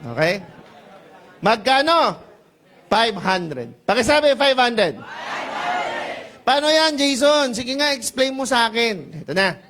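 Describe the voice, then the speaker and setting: Lively, high-pitched male seminar presenter. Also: takes it slowly, pauses often, some chatter behind. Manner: playful and teasing, calls out to the audience for answers.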